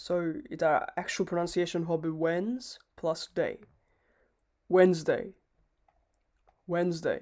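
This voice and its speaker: A teacher giving a slow, deliberate pronunciation lesson, repeating each word for drilling and mixing Bengali with English words. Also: medium pitch, level tone, darkish tone.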